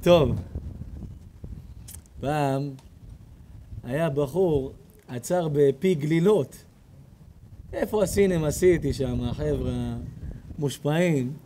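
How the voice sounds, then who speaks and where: Male rabbi, high voice, lively comic storytelling sermon, mic outdoors with faint noise. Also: pauses often. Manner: animated, acts out characters with sudden shouts. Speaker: rabbi giving a Torah lecture. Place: outdoor evening event before an audience.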